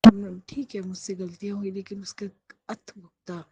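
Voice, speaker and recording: A woman's voice: medium pitch, little pitch movement, moderate pace, very noisy. A middle-aged woman speaking a personal prayer, earnest and pleading as she asks for guidance for her children. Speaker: devotee praying aloud.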